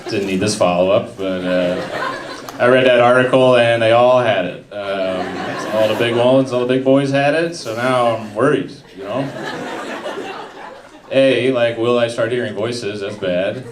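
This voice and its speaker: A young man doing a stand-up comedy set with a deadpan, mumbling delivery. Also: medium pitch, unhurried. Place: comedy club stage with a live audience. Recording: echoey room with background noise.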